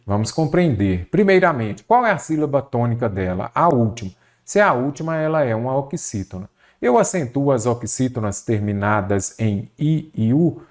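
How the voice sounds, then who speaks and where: A man's voice: medium pitch, big pitch swings, normal speed, a little mellow. A man with a Brazilian Portuguese accent teaching an online exam-prep grammar lesson, asking rhetorical questions and answering them himself.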